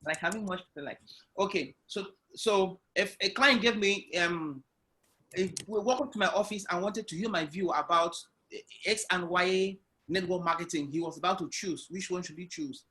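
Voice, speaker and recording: In an online interview, a guest entrepreneur recounts his business journey. His high, bright voice comes across loud and animated over a video call, at a normal speed, and the recording quality is poor.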